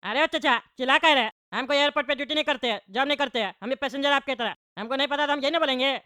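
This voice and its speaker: A woman's voice: high-pitched, very fast, pushed and bright, no room sound, studio quality. A woman voicing a boastful, rude bald male politician in a cartoon, mocking and dismissive.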